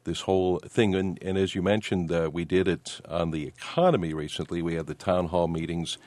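A man hosting a call-in radio talk show, speaking in a smooth radio host manner from a studio microphone. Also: sits low, fairly even intonation, fairly quick, darkish tone, no room sound.

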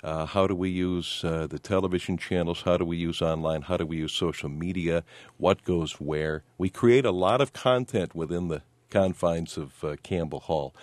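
A man hosting a call-in radio talk show, speaking in a smooth radio host manner from a studio microphone. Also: sits low, a little mellow, no echo.

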